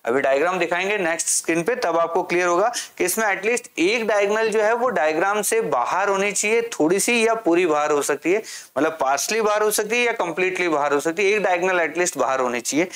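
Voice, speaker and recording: A man's voice: sits high, a bit bright. Man teaching maths, asking and answering. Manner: asks questions and answers them himself, slow English read-outs. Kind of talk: classroom lesson explanation.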